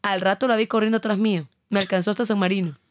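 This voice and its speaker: A woman, co-hosting a casual chat and telling a story with lively acted-out dialogue. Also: mid-range voice, very fast, a little hiss or hum. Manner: animated storyteller acting out quoted dialogue. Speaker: podcast co-host.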